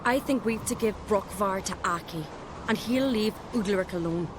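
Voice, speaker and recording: An actress with a natural, mid-range voice plays a headstrong young noblewoman from an island in a fantasy game cutscene. She speaks at normal speed, earnest and convinced, frankly telling her story, while music plays in a noisy background.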